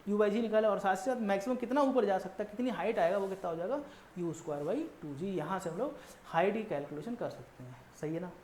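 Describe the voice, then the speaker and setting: A man's voice: high voice, fast talker, darkish tone. A male physics teacher giving a classroom lecture, asking questions and answering them himself, repeating each point and checking in with students. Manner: tags nearly every line with "ठीक है ना". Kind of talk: classroom lecture mixing Hindi and English. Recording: echoey room with faint background noise.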